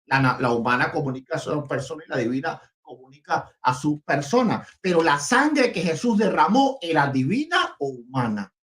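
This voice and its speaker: A pastor argues in a debate with fire and scorn, his voice leaping high and dropping low as he pushes his point. He tends to climb into shouting and taunt the other side. He is heated and combative throughout. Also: big pitch swings, moderate pace, few pauses. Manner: combative, rising to shouts, mocking opponent.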